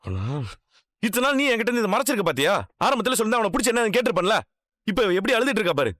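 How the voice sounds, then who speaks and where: An actor playing a hot-tempered young husband in a Tamil TV serial, speaking angrily and forcefully. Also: male voice, high voice, very animated, racing, no echo, clean studio sound. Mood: alarmed. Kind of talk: TV serial acting.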